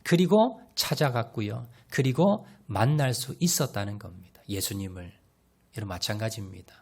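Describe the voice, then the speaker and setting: A male pastor preaching a sermon, talking straight to the congregation and swinging between loud cries and hushed lines. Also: fairly low pitch, moderate pace, husky. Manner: addresses the congregation directly and often.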